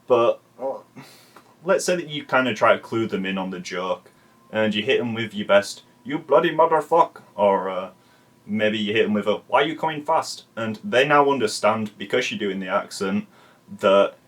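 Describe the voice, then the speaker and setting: Casual commentary host, a man with a lowish voice, relaxed and chatty. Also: normal speed. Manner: chatty, swears casually, lots of "like". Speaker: video essay host.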